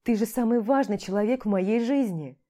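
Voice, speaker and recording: A woman voicing a young man who gently coaxes and soothes his partner in a warm, mellow voice. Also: fairly high pitch, moderate pace, lightly acted. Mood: tender coaxing. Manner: tender, coaxing.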